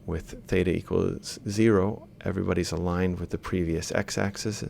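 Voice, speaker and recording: Explaining while he draws, this robotics lecturer reasons aloud through a worked example, fixing his own slips along the way. He speaks at normal speed with fairly even intonation, vocal fry, and a darkish tone, over faint background noise and low rumble.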